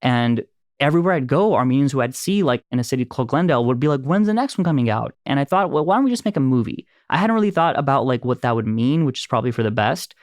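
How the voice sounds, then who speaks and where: In clean, echo-free studio sound, a man in his thirties talks quickly at a medium pitch. The Los Angeles filmmaker and producer spins animated stories in easygoing conversation, breaking into laughter often.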